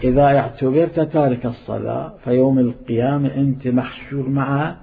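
A man's voice: mid-range voice, steady tone, a little fast, creaky. A man with an Iraqi Arabic accent preaching a sermon as a cleric, emphatic and scolding, repeating his points. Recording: tinny phone-like sound.

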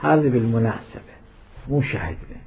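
A man's voice: mid-range voice, animated, fairly quick, vocal fry, slight background noise. A man with an Iraqi Arabic accent preaching a sermon as a cleric, emphatic and scolding, repeating his points. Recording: tinny phone-like sound.

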